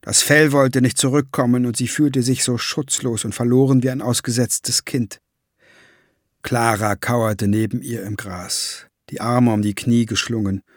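A man reading an audiobook in slow, measured scripted narration. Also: mid-range voice, fairly even intonation, dry recording, clean studio sound.

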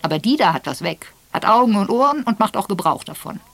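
A woman voicing a blunt, frank old rich man who talks loudly and gruffly and gives orders. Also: mid-range voice, lively intonation, fast talker, no echo, voice pushed up. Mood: blunt, commanding.

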